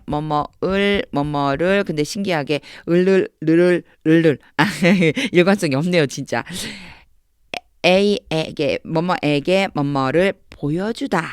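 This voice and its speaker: A woman from South Korea teaching English Bible reading, repeating phrases slowly and acting out quoted lines. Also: fairly low pitch, clear, resonant tone, no room sound, clean studio sound. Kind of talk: explanatory lesson.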